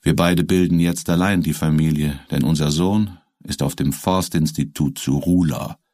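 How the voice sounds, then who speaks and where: A man reading as a calm head forester. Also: a bass voice, moderate pace, no echo, clean studio sound. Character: calm middle-aged male head forester.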